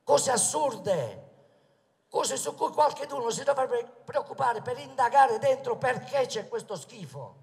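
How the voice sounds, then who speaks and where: A political candidate giving a booming, emphatic campaign speech full of rhetorical questions from an outdoor stage. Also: lively intonation, normal speed, creaky, few pauses. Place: outdoor stage in a town square. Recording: echoey public square with long reverb.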